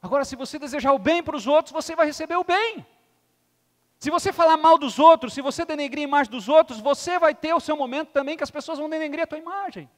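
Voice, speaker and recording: A man voicing a calm, patient father who explains life to his son. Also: very high voice, quick pace, long reverb tail, voice pushed up. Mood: gentle.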